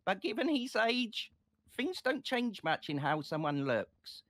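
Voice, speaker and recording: A man playing a state prosecutor in an online courtroom role-play, making a passionate, deliberate closing argument. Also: high voice, big pitch swings, heavily acted. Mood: firm, insistent.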